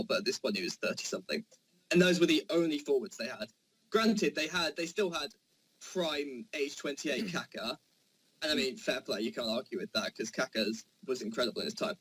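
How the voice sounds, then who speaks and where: A man's voice: medium pitch, a bit bright, slight background noise, poor audio. A young man in a casual football debate, talking in a loose, rambling way. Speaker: podcast debater.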